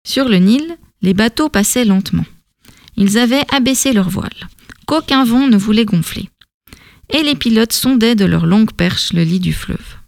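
Calm woman reading a story. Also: a little high, normal speed, creaky, no echo, studio quality. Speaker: narrator. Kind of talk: scripted storybook narration.

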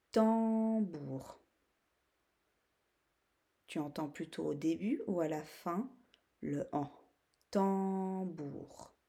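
A woman teacher giving a phonics lesson to young pupils, saying each example word slowly and stretching out the syllables. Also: on the low side, creaky, dark tone. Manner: drawn-out syllable-by-syllable word modeling.

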